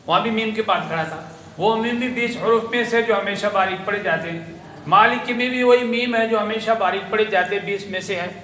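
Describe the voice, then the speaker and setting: Male Quran teacher, high bright voice, patient and repetitive explaining, echoey room. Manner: patient explanatory teaching, repeats points, models lip shapes. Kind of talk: tajweed lesson for memorization class. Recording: echoey room with faint ambient noise.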